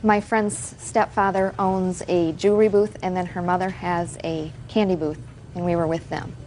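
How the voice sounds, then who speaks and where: A woman's voice: lowish voice, little pitch movement, moderate pace, a little mellow, rough recording. Matter-of-fact woman testifying in court. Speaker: plaintiff answering a judge. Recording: faint background noise, courtroom.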